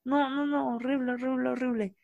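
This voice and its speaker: A woman's voice: high voice, a little fast, vocal fry, dry recording, narrow, tinny audio. Slangy Mexican woman telling a story. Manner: slangy, animated, full of fillers. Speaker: podcast co-host. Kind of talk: casual storytelling chat.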